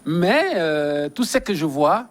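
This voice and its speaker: A man's voice: on the high side, expressive, slow. A man from DR Congo, a guest giving earnest, emphatic political commentary in a studio interview and often repeating his phrases.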